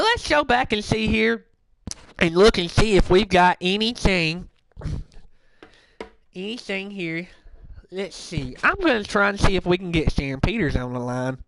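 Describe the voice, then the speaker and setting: A man hosting a comedic call-in radio show, rambling and ranting loudly. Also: high voice, rough recording. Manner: loud rambling ranting, swings into conspiracy rants.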